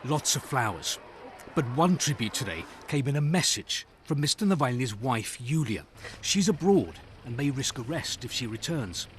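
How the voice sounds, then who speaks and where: A man narrating a scripted news report as a correspondent, solemn and measured, in short phrases. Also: mid-range voice, very animated, a little hiss or hum.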